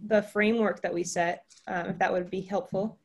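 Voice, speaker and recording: A woman organizing a meeting over a video call, chatty and energetic, laughing often. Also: mid-range voice, moderate pace. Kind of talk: casual video-call chat.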